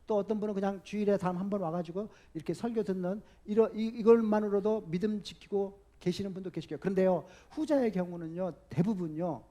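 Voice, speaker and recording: A man, a pastor, preaching a sermon and telling the story in a lively way, now and then acting out the people in it. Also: high-pitched. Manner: animated storytelling, acting out quoted voices.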